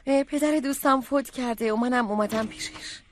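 A woman's voice: on the high side, slight background noise, natural voice. An actress dubbing a young woman who answers her mother hesitantly and evasively. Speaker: daughter. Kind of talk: dubbed drama acting.

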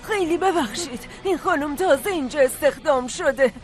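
A woman dubbing a restaurant staff member smoothing things over with a customer. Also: sits high, soft background music, close to an everyday voice. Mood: placating. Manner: placating.

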